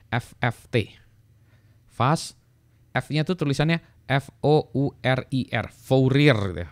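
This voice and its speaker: A middle-aged electrical engineering lecturer talks casually to camera in a solo video, his voice fairly low and somewhat dark. He rambles, often laughs at himself, and spells words out letter by letter.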